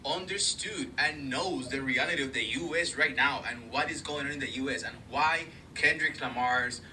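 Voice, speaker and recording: A man from Colombia giving an earnest, quick monologue. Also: mid-range voice, bright, forceful tone. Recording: distant mic with faint noise.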